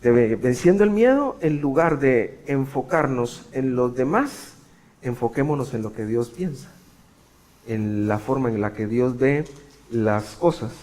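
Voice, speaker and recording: Emphatic preacher. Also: male voice, medium pitch, animated, unhurried. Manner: emphatic preaching that swings from quiet asides to loud raised cries. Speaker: pastor. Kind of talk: sermon.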